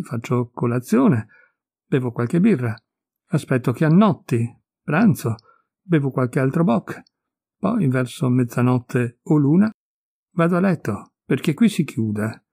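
A man voicing a listless, resigned idler of thirty-three who looks old, speaking in a flat, unhurried way. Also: mid-range voice, gravelly, husky, no echo, clean studio sound, full character voice.

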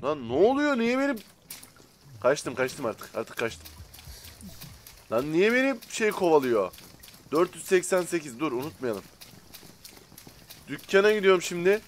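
High-voiced man chattering over a game. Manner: chatty, talks to the game characters and viewers, bursts out loudly when annoyed. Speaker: gaming streamer. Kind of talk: casual let's-play commentary.

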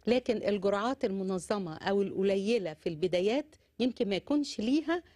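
Middle-aged female host, brisk and encouraging, fast, dry lapel mic. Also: mid-range voice, lively intonation, warm tone, dry recording. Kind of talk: TV talk show hosting. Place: TV studio.

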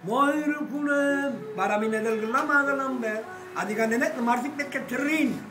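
An older man holding forth at a cafe table, boisterous and rambling, swearing and breaking into loud outbursts. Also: very high voice, moderate pace, recorded from a distance. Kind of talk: rowdy table talk. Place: cafe with glass front, indoors. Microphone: phone camera across the table. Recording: echoey room, voice off-mic, music behind.

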